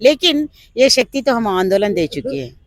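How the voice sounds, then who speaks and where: A woman's voice: fairly high pitch, animated, moderate pace, dry recording. A woman from South India leading a protest, speaking fervently in an interview at an outdoor demonstration. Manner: fervent, rises to shouting slogans. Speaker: protest leader. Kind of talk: impassioned protest speech.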